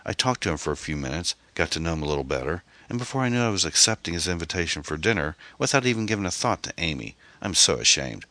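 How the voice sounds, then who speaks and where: A man's voice: deep voice, sing-song, fast talker, few pauses, bright, forceful tone, no echo, voice pushed up, heavily acted. A man playing an anxious, guilt-ridden single mother. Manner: hesitant, worried.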